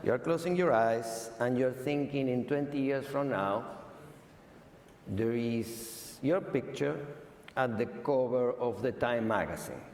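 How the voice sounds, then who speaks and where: A man's voice: mid-range voice, slow pace, a little mellow, a little hiss or hum. A man hosting an onstage interview, talking in a playful, teasing way. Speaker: conference host and interviewer. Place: large hall at a live event. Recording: echoey hall with crowd.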